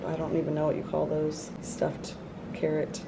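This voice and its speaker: Chatty woman, gravelly low voice. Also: moderate pace, very noisy. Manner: chatty, relaxed, Southern "y'all". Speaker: vlogger. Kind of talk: casual vlog talk to camera. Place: home living room.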